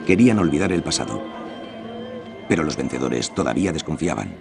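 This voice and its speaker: A man's voice: a bass voice, very animated, fairly quick, vocal fry, music in the background. A man reading scripted documentary narration.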